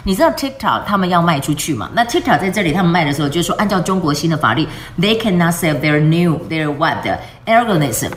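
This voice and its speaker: Low-voiced woman explaining vocabulary. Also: very animated, brisk, hardly any pauses, slight background noise. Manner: explains and spells out words, asking questions and answering them; switches between Mandarin and English mid-sentence. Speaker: English teacher. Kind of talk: news-based vocabulary lesson.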